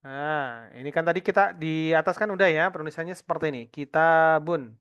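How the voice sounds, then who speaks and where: A man teaching an Arabic lesson to adult students, patiently explaining and slowly repeating each word for the class. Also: on the high side, a bit bright, smooth, dull audio.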